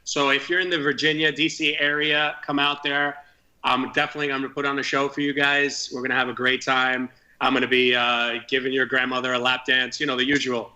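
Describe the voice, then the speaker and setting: Bright-voiced male comedian guest, excited. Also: mid-range voice, brisk, low-quality recording. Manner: excited, rambling storyteller. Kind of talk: casual chat.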